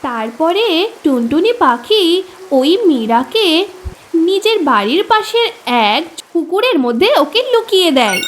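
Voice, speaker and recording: A woman tells a cartoon fairy tale in a dramatic storybook manner. Her voice is high and swings lively up and down. A faint noise sits underneath. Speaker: narrator. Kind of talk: storybook narration.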